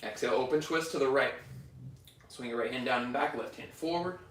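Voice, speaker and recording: A male yoga teacher leading a class through poses with calm, breath-paced cues. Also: medium pitch, brisk. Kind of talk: guided yoga class instruction. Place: yoga studio. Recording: roomy studio echo from far off.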